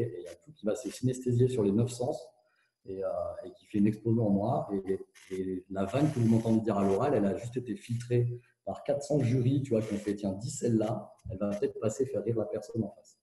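A man gives a candid interview in a low, very dark voice, talking fast and restarting often. He is heard through a hands-free kit that makes the sound echoey and muffled. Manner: fast, tumbling speech with many hesitations and restarts. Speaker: interview guest.

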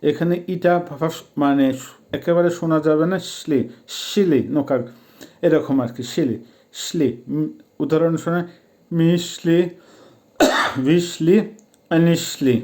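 A man from Bangladesh, teaching a language lesson slowly and patiently and repeating each word for practice. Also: fairly high pitch, steady tone, a little mellow.

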